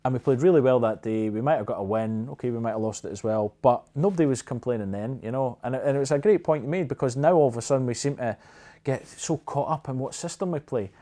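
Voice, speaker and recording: A man's voice: mid-range voice, fast talker, hardly any pauses, warm tone. A Scottish-accented man discussing football casually as a podcast panellist, rambling and restarting his sentences.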